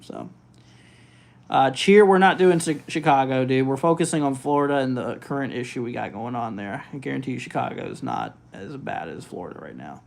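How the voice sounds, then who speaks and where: A male livestream host talks through weather updates in an informal, off-the-cuff way. His mid-pitched voice has a noticeable gravelly fry, and he often stalls and thinks out loud as he looks up figures for viewers. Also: expressive. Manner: informal, halting, thinking aloud while looking things up. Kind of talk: casual live weather commentary, reading out figures and answering viewers.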